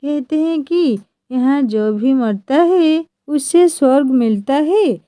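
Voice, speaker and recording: A woman's voice: sits high, expressive, slow pace, dark tone, no echo. A woman voicing a meek, put-upon young husband in a mild, pleading way.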